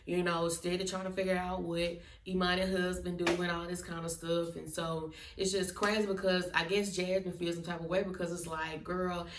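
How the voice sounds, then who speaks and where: A woman's voice: fairly low pitch, level tone, brisk, hardly any pauses, far from the mic, a little hiss or hum. A woman giving a sassy, blunt, emphatic casual review of a reality TV episode. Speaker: reality TV recapper. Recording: echoey room, off-mic.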